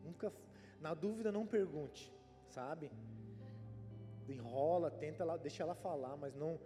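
A man's voice: a little high, a little slow. A male Brazilian pastor preaching a sermon in a conversational way, often tagging sentences with "né?". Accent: Brazilian Portuguese. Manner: conversational preaching, frequent "né?" tags. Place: church hall. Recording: reverberant church hall with soft music.

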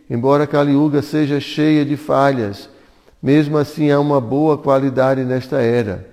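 A man's voice: medium pitch, gravelly, a little mellow, big-room sound. A Brazilian Portuguese-speaking man reading scripture commentary aloud at a devotional class, chanting Sanskrit verses in a singsong. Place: community hall at an ecovillage.

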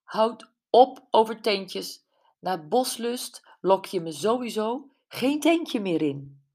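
A woman's voice: mid-range voice, lively intonation, slow, a little mellow, pitched above the performer's own voice. A woman reading as wry candid Brenda. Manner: wry, emotional, tearful at times. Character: Brenda, woman friend, candid, self-mocking. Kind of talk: audiobook character voice.

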